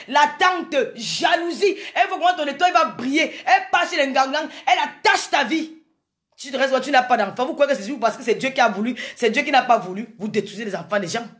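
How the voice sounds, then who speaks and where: A woman's voice: high-pitched, fairly bright tone. A woman from Cameroon, giving an impassioned live monologue to her viewers, repeating her phrases for emphasis and greeting commenters by name. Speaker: live streamer talking to viewers.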